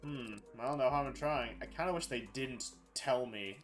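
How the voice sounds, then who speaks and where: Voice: medium pitch, normal speed. Dry, wry streamer with music behind. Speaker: streamer co-player. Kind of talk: casual chat.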